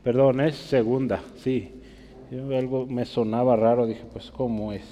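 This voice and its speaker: A man's voice: medium pitch, fairly even intonation, measured pace, warm tone, lo-fi sound. A man preaching a sermon as a pastor, teaching and checking often whether his listeners follow. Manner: teaching, asks the congregation frequent checking questions. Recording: long hall reverb.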